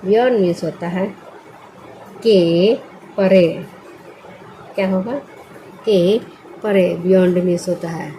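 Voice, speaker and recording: A woman's voice: fairly low pitch, steady tone, slow pace, long pauses, mellow, a little hiss or hum, rough recording. A woman teaching English spelling word by word, patiently asking questions and answering them herself. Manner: patient, asks and answers her own questions. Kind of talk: slow spelling lesson.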